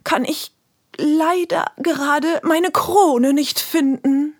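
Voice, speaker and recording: A woman voicing a little girl playing a haughty queen with a smoky, slow voice. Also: high-pitched, steady tone, no room sound, clean studio sound, voice pushed up.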